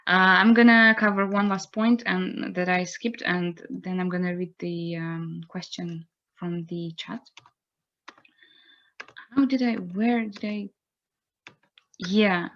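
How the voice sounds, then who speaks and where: A young woman giving an online lecture, unhurried and pausing to search for words. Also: fairly low pitch, steady tone. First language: Russian. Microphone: computer mic on a video call. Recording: slightly dull video-call audio.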